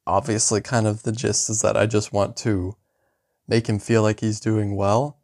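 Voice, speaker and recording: Upbeat low-voiced male player. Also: level tone, normal speed, a little mellow. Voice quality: upbeat, playful. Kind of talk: casual chat.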